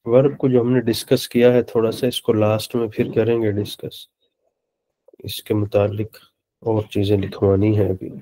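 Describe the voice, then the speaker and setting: Patient teacher, man, low mellow voice, repeats words slowly for students. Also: little pitch movement. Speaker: Arabic teacher. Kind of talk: online lecture in Urdu.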